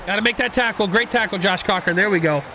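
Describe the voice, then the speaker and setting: A young man giving casual, excitable commentary while playing a football video game, rambling and reacting loudly to big plays. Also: high voice, quick pace, a crowd in the background, noisy background. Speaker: gaming YouTuber.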